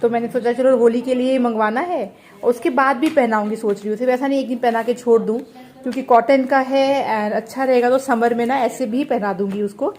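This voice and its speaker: A woman's voice: on the high side, fairly even intonation, a little fast, a little mellow. A young mother chatting casually in a home vlog, switching into playful baby talk with her toddler. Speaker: vlogger and mother. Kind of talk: casual family vlog chat. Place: home indoors.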